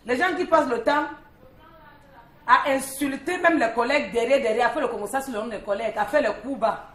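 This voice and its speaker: A woman's voice: on the high side, a little fast, reverberant. A woman columnist on a morning talk show, telling a street story in a chatty, teasing way. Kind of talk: lively storytelling chat.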